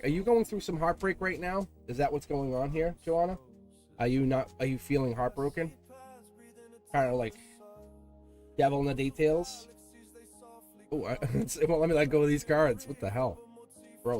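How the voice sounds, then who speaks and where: A man with a Boston accent hosting a casual live tarot reading, chatting to viewers in an excitable, chummy, slangy way. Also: medium pitch, moderate pace, pauses often, soft background music. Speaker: tarot reader and livestream host.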